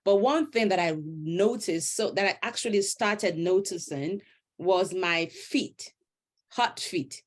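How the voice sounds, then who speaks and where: A middle-aged woman hosting a casual chat, speaking gently and without hurry. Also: fairly low pitch, slow pace. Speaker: host.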